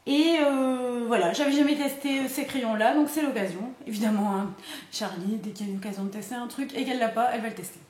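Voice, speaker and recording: A woman's voice: a little high, fast talker, a little mellow. A young woman chatting casually to camera about her beauty purchases, rambling and laughing at herself with lots of fillers. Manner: chatty, rambling, self-mocking with frequent fillers. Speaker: beauty vlogger. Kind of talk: casual haul chat to camera. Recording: echoey room.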